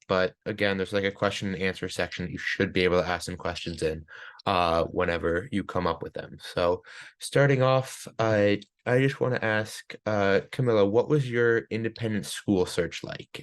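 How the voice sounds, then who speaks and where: A teenage boy moderates a student panel over a video call. His voice sits a little low, and he speaks casually with lots of "um"s and "uh"s. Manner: loose, filler-heavy, friendly. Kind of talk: casual webinar hosting.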